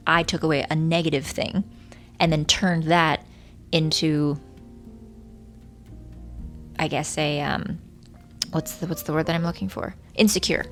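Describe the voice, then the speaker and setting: A woman's voice: deep voice, a bit bright. A woman in her thirties talking casually and reflectively to her viewers in an earnest, musing way, with rain around her. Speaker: vlogger. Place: hotel room. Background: rain from a storm, faint music.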